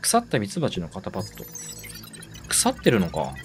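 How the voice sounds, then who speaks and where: A man giving let's-play commentary, excitable, talking to himself and repeating words in quick bursts. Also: low voice, soft background music. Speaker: game streamer.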